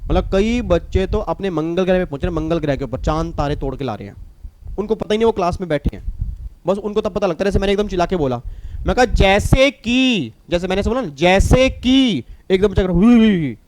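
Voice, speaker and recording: A middle-aged man with an Indian accent teaching a tax class, lively, repeating his points and teasing students. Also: high voice, quick pace, slight background noise. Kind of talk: recorded classroom lecture.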